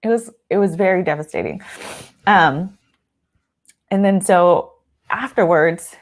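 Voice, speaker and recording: A woman's voice: lowish voice, measured pace. A young woman who is a family doctor, talking earnestly and emotionally in a casual vlog, choked up at times, with many fillers. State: choked up, near tears.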